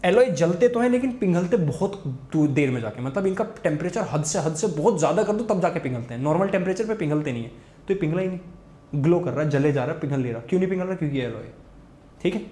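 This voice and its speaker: A young man teaching a physics lesson, quick and repetitive, urging students to watch closely. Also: fairly high pitch, lively intonation, warm tone. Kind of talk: fast Hindi tutoring lesson with board writing. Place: room, recording a class video. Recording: echoey room.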